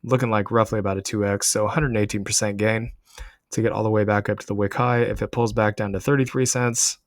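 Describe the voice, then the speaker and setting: Male channel host, lower register, casual explanatory market commentary straight to the audience, dry sound. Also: steady tone, fast talker, dry recording. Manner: explanatory, addressing viewers directly. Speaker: crypto trading channel host. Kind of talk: casual market commentary over price charts.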